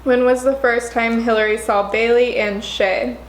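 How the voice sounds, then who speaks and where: A woman's voice: on the high side, fairly even intonation, moderate pace. A young American woman vlogger chatting casually to camera while eating, with bubbly, slangy speech. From Orange County, California, USA. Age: young adult. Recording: roomy echo, clear background noise.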